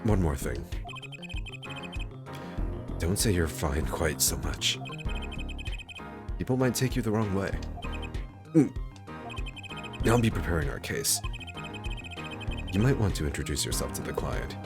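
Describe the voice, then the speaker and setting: A man voicing a smooth, suave male mentor attorney who speaks calmly with a faint tease, over game music. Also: low voice, measured pace, long pauses. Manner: calm, smooth, faintly teasing. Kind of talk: reading game dialogue aloud. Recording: game music playing behind.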